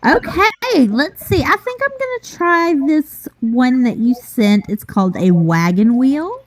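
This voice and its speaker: A woman's voice: high-pitched, very animated, unhurried, no room sound. A woman co-hosting a casual chat, playful and chatty as she tastes snacks. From USA. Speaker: co-host. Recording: dull lo-fi audio.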